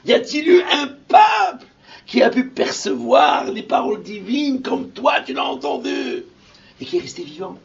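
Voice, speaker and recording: Preacher, male, high gravelly voice, impassioned, distant lo-fi recording. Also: big pitch swings, a little slow. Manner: impassioned, swings from whispers to shouted Hebrew verses. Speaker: rabbi. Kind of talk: sermon.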